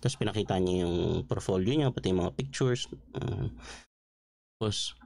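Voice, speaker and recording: A man's voice: sits low, normal speed, gravelly, no room sound. Emotional man preaching a testimony. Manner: emotional, animated storytelling with many fillers; mixes Tagalog with English phrases. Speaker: pastor and online show host. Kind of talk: testimony-style preaching on a livestream.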